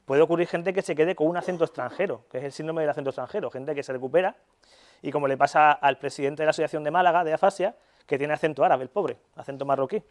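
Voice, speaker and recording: A slightly high-voiced young Spaniard rattles quickly through a university neuropsychology lecture. The tone is easygoing and chatty, with repeated "¿vale?" check-ins and swearing meant in fun, all in a Spain Spanish accent.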